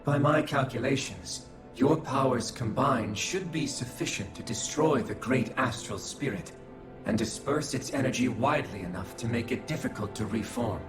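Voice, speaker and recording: A male actor voices a cold, calculating observer in a video game cutscene, with a medium-pitched, natural-sounding voice at a moderate pace. His delivery is formal, clinical and detached, without feeling. The audio is echoey, with game music in the background.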